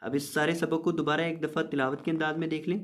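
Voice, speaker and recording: Man, fairly high voice, tajweed teacher, slow drawn-out recitation, quick explanations between words. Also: level tone, fairly bright tone. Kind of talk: word-by-word recitation lesson.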